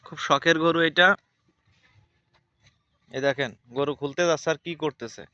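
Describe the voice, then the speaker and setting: A man's voice: on the high side, normal speed, bright, forceful tone, no echo, lo-fi sound. A man, chatting casually as a vlogger while outdoors with a cow. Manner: chatty, repetitive commentary. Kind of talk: casual vlog narration.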